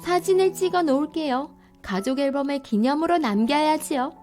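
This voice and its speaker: A cheeky young child who has suddenly taken charge, as a woman narrator puts the child on. The voice is pitched high and clear, cool and bossy. Soft music plays faintly behind. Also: expressive, normal speed. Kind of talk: storybook voice acting.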